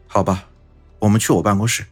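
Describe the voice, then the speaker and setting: A woman voicing a cold, impatient young male detective in an audiobook, speaking in curt, husky low tones. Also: fairly even intonation, fairly quick, darkish tone, faint music behind.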